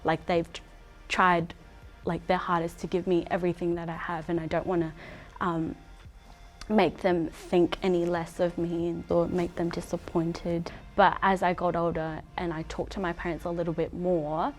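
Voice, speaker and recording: A woman's voice: fairly low pitch, little pitch movement, normal speed, faint music behind. A young woman speaking openly and chattily in an interview. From Australia. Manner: open, chatty, with fillers. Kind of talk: casual interview answers.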